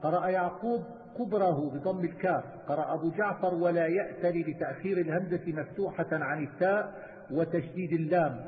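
A man teaching Quranic reading variants, chanting verse and then listing each variant in a measured, methodical way. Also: on the high side. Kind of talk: chanted recitation and itemized explanation. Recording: tinny phone-like sound with long reverb.

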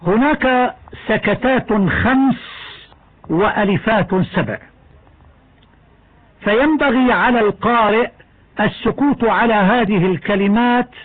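A high-pitched man delivers a scripted lesson on Quran recitation. He explains each rule in a measured, deliberate way and draws the examples out in a slow chant. The sound is thin and narrow, like an old radio broadcast. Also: breathy edge.

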